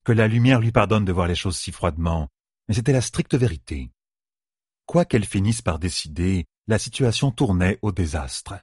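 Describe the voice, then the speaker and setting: A male audiobook narrator tells a fantasy story in measured scripted narration. His voice is low and husky, with a lively melodic range, recorded close and dry. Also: no echo.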